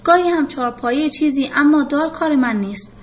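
A woman's voice: high voice, highs cut off, lightly acted. A woman voicing a stubborn old male carpenter who talks bluntly and plainly, in a storybook reading.

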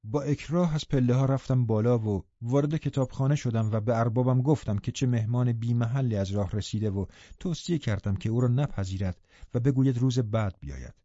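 A man narrating an audiobook in a steady storytelling manner. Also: mid-range voice, dry recording. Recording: dull, dry studio recording.

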